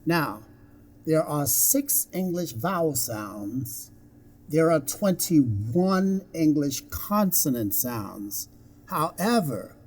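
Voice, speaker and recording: A pronunciation teacher speaking at a very slow, deliberate pace and drawing out each vowel for learners. The pitch rises and falls freely, and each sound is repeated several times so it can be copied. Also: a little mellow. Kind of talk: live online pronunciation lesson.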